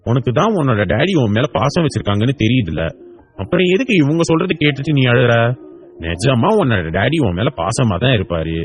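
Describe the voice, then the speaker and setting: A man voicing a kind adult who gently coaxes and comforts a crying child, for an audiobook. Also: medium pitch, big pitch swings, fairly quick, close to an everyday voice. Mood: coaxing. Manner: gentle, coaxing, affectionate. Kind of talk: audiobook character voice.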